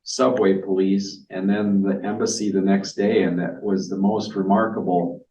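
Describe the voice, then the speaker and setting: A man's voice: sits low, flat delivery, moderate pace, warm tone. A man joins a casual slideshow talk, adding short comments and background facts about places they visited. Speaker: co-presenter of a travel slideshow. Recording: dull, roomy sound from a distant mic.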